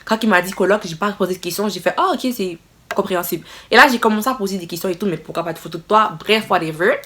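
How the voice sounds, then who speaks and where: A young woman telling a casual storytime to her viewers, expressive and exclaiming as she retells the scene. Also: medium pitch, quick pace. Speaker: vlogger.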